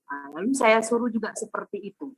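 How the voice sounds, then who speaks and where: A woman recounts a family episode in casual, animated speech, slipping into the voices of her children. Her tone is slightly husky. The sound is dry and close, as on a video call. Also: fairly high pitch, fairly quick, dry recording, rough recording. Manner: animated, acts out family dialogue. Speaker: testimonial speaker. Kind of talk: casual storytelling testimony.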